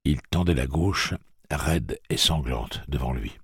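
A man's voice: very deep voice, slow, a bit bright, husky, dry recording, studio quality. A man reading a novel aloud as an audiobook narrator.

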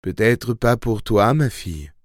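Wary bitter young woman in labor, slightly higher voice, man reading her part. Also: animated, a little slow, no echo, clean studio sound. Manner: guarded, bitter, bargaining.

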